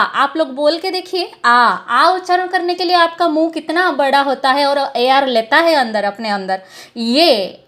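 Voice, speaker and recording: High-voiced woman teaching, halting delivery. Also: fairly bright tone. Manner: explains slowly, with many fillers and self-corrections; demonstrates vowel sounds aloud for students. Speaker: Sanskrit teacher. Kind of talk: classroom lecture.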